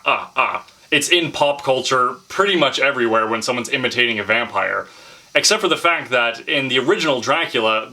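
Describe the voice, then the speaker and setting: A man's voice: mid-range voice, pushed and bright. A man hosting his own horror movie channel, talking casually and chattily to his viewers. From Canada. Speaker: horror video host. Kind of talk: casual talk to camera.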